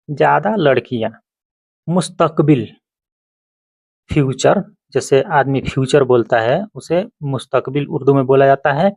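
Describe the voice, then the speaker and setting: A man teaching Arabic vocabulary, saying each word and repeating it slowly with its meaning. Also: medium pitch, gravelly, no echo, dull audio. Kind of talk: vocabulary lesson.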